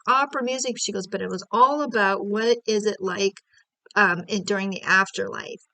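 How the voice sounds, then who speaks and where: A woman's voice: medium pitch, a bit bright, dry recording, low-quality recording. Chatty woman in a dry room. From United States. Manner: chatty, quotes conversations, laughs between phrases. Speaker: vlogger telling a family story. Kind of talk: casual personal storytelling.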